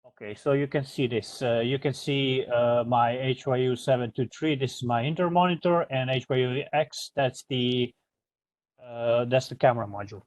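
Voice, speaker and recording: A man with a medium pitch and fairly even intonation gives an informal software tutorial as a product trainer. He explains step by step in a hesitant way at a moderate pace, and the recording is dry.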